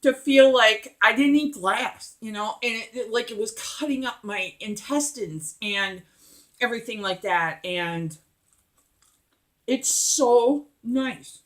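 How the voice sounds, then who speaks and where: A woman's voice: fairly high pitch, a little slow, a bit bright. A middle-aged woman chatting casually and emphatically while eating, as a mukbang vlogger.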